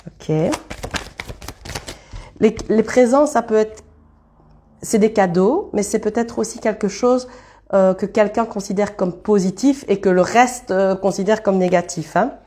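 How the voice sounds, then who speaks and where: A woman's voice: mid-range voice, measured pace, long pauses, dark tone. A woman giving a casual live card reading, thinking aloud as she turns cards and greeting viewers by name. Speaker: card reader streaming live.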